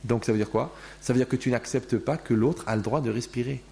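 A man giving a lively class to an audience into a microphone, acting out everyday people as he explains. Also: mid-range voice, gravelly. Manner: animated, acts out everyday people in quick voices. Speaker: religious teacher. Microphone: microphone in front of a live class.

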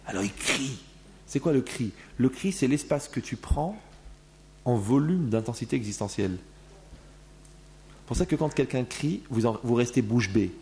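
A man giving a lively class to an audience into a microphone, acting out everyday people as he explains. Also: mid-range voice, slight background noise. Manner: animated, acts out everyday people in quick voices. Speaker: religious teacher. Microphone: microphone in front of a live class.

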